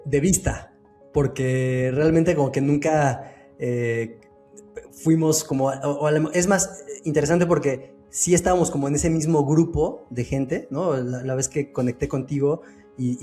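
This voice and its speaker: Man, 30s, podcast host, mellow warm tone, chatty with restarts, soft music bed. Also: mid-range voice. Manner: chatty, hesitant restarts while framing questions. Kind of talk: casual interview conversation.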